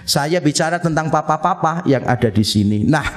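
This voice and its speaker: Man, pastor, sermon, high voice, animated delivery, church. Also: moderate pace. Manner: lively preaching with acted-out quotes and humor.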